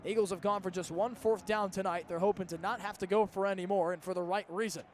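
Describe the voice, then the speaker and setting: Calling American football play-by-play in radio style, this early-twenties announcer talks fast in a high voice with fairly even intonation. He's at an outdoor stadium broadcast spot, and there's slight background noise.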